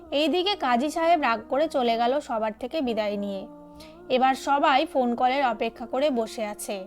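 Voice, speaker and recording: High-voiced woman narrating an audio story. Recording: narration over faint music.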